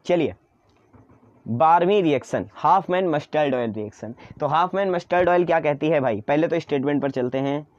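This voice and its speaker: A man's voice: fairly high pitch, moderate pace, a little mellow, no room sound, muffled recording. A man teaching an online chemistry lesson in mix, chatty and coaxing, often repeating his own questions to students.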